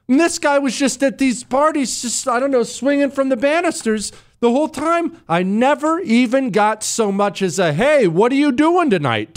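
Middle aged guy doing a talk radio rant, kinda high voice, super animated, jokey exasperated, leans hard on words. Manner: mock-indignant, exasperated, repeats himself for comic emphasis. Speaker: radio talk show host. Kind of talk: comic conversational radio monologue.

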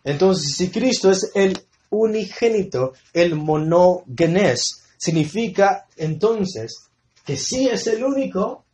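Preacher, male, slightly high voice, emphatic teacher who repeats key words, recorded in a roomy hall. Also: lively intonation, slow, darkish tone. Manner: quizzes listeners with fill-in-the-blank questions. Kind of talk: Bible study sermon. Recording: echoey room sound.

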